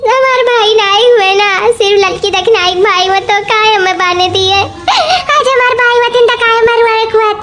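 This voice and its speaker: Over some background noise, a performer uses a very high voice at normal speed to play a tearful young bride from an Awadhi cartoon comedy. The character pines for her brother and complains endlessly in a rambling, self-pitying way.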